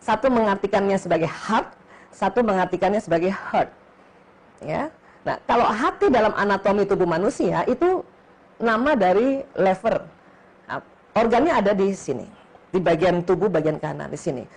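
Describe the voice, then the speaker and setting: A middle-aged woman giving a religious lecture on faith and the brain, explaining patiently and often checking in with her listeners with a quick "ya", slowing down to stress key terms. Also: mid-range voice, animated, darkish tone, breathy edge.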